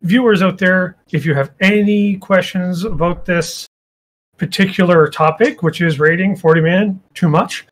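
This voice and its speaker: A man's voice: high voice, measured pace. A man co-hosting and moderating a casual debate show, joking and self-deprecating. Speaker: co-host and moderator. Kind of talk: casual podcast chat.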